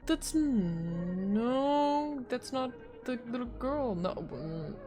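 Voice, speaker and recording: Woman gaming and going huh what, slow talk, pitch jumping around, faint music. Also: lively intonation. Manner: baffled, keeps asking "what" and "huh". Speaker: game streamer. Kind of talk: let's play reactions.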